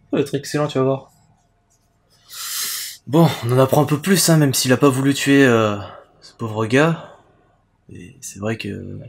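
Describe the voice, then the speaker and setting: A man's voice: mid-range voice, husky. A man giving casual commentary as he plays a video game. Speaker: let's play host.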